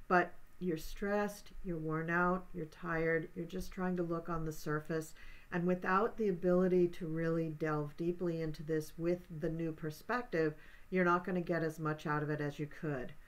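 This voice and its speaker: An older woman with a somewhat low voice leads a pick-a-card reading. She talks in a calm, steady, reassuring way and now and then restarts a phrase. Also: rough recording. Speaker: tarot card reader.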